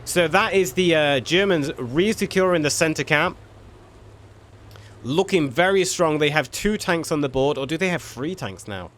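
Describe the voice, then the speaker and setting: Man, casual game commentary, slightly high voice, relaxed and chatty, loud battle sounds underneath. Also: moderate pace, a little hiss or hum. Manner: laid-back, chatty, occasional swearing. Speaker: gameplay commentator. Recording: loud game gunfire and vehicles behind.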